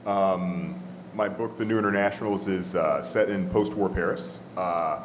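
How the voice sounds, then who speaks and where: A man's voice: low-pitched, measured pace, echoey room, slight background noise. A man from Texas, a novelist, describing his book on a festival panel with a hesitant delivery full of fillers. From Texas, USA. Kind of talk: panel talk.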